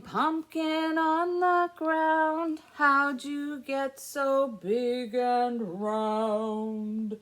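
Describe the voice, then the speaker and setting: A woman with a slightly high voice hosts story time for young children. She reads aloud in an exaggerated sing-song manner and asks the kids questions.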